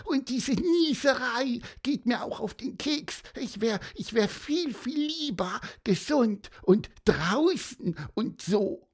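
A woman's voice: fairly high pitch, animated, takes it slowly, few pauses, slightly rough, full character voice. A woman voicing a sick, curious young male bird with a stuffy nose in a children's story, asking skeptical questions. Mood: grumpy. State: stuffy-nosed, sneezing.

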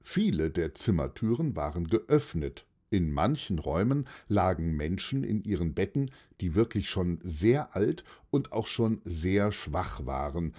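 A narrator reading a children's story aloud in an animated, storytelling way. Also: low voice. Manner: slow, animated, husky storytelling.

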